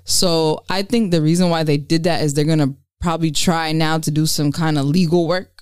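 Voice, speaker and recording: A woman co-hosts a casual podcast, blunt and animated, swearing freely as she gives her take on the news. Her voice is smooth and clear, recorded close and dry. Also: low voice, fairly quick, dry recording. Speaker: podcast co-host.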